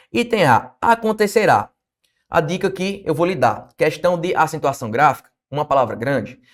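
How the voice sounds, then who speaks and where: Brazilian man teaching grammar, high-pitched. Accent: Brazilian Portuguese. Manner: lively, questioning, answers his own questions. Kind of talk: online exam-prep grammar lesson.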